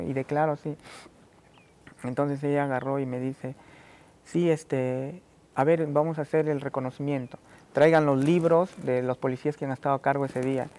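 A man from Peru gives halting spoken testimony at a formal hearing, repeating phrases and recounting what others said to him. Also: a little high, a little mellow. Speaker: petitioner giving testimony.

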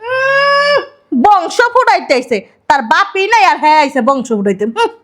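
An actress playing a sharp-tongued middle-aged stepmother who scolds sarcastically. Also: very high voice, wildly swooping pitch, heavily acted. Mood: scolding. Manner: scolding, sarcastic, rapid retorts.

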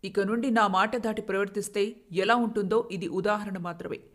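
A woman voicing a harsh, domineering rich mother-in-law in a storybook tale, shouting scornful threats. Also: medium pitch, fairly even intonation, moderate pace, voice pushed down, close to an everyday voice. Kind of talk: storybook narration.

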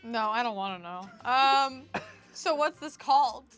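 A woman co-hosting a live comedy stream, firing off incredulous questions. Her voice sits high and breaks easily into laughter. Faint music plays underneath. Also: expressive, a little slow, fairly bright tone. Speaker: co-host reacting.

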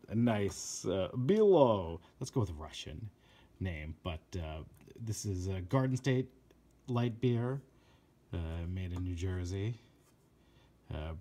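A man talking through his collection in a casual vlog, slow and unhurried, with a voice that sits a little low. He halts often and corrects himself, while gushing with admiration over each piece. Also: darkish tone. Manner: halting, many fillers and self-corrections.

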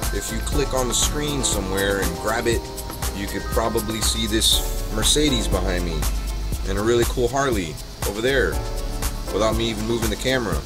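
A man in his thirties with a lowish voice rambles casually to his vlog camera. The sound is roomy and echoey, with music playing clearly behind him in the salon. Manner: loose, chatty, rambling with fillers. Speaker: vlogger. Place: hair salon, indoors. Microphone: 360 camera built-in mic.

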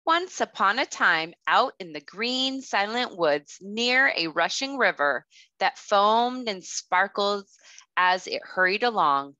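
A woman teacher reading a storybook aloud to kindergartners in a gentle, expressive way. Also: medium pitch, takes it slowly, no echo, dull audio. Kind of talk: storybook read-aloud for children.

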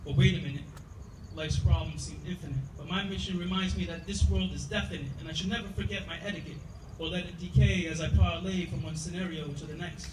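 With a high, steady voice and a fast pace, a man reads his spoken word poetry in a rhythmic, rhyming style. Loud noise and echo fill the room, and the poet is captured from far away.

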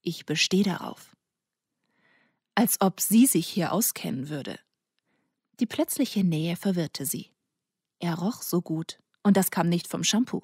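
A woman reading an audiobook in a soft, intimate narration that sometimes falls to a near whisper. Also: on the low side, a little slow, breathy edge, no echo, studio quality. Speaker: audiobook reader. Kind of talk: scripted narration.

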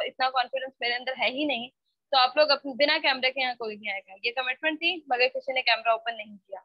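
The same kind of online spoken English lesson continues, with the woman mixing Hindi-Urdu and English as she scolds her class. Her voice sits high, and her computer mic on the video call yields a dull, dry recording.

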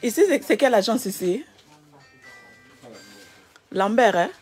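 A woman's voice: on the high side, expressive, measured pace, darkish tone, breathy edge, faint music behind. Mother soothing a crying child. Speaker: vlogger collecting a gift. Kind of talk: casual self-filmed vlog. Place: money transfer agency. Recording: crowd chatter behind.

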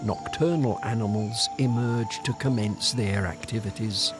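A man's voice: on the low side, steady tone. Man narrating a nature documentary over music. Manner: measured storytelling, scripted. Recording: music under the voice. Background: background music.

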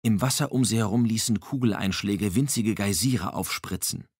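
A man reading an audiobook in a measured, dramatic storytelling manner on a close microphone. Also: lowish voice, darkish tone, husky, dry recording. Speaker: audiobook narrator. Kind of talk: scripted audiobook narration.

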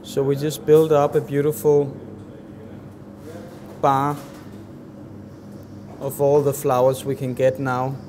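Slow, halting chef at a kitchen counter. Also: male voice, mid-range voice, completely flat delivery, a little mellow. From Denmark. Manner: slow, halting, many fillers. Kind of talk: cooking demonstration. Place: large professional kitchen.

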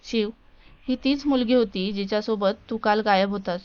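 Storybook part: a sincere young male friend, voiced by a woman narrator, gentle and pleading, smooth, dull recording. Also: medium pitch, moderate pace, natural voice. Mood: earnest.

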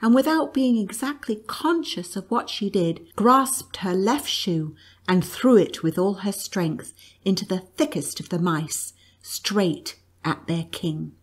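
Husky woman reading a storybook aloud. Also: mid-range voice, slow. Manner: expressive, lifts voice for quoted lines. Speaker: storybook reader. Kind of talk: read-aloud storybook narration.

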